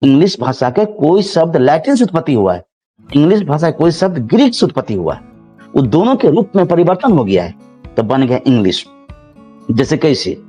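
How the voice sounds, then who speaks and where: Lively, mellow-voiced male biology teacher. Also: fairly high pitch, fairly quick, husky, soft background music. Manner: repetitive, explaining with everyday examples, addresses students as children. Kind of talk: classroom lecture.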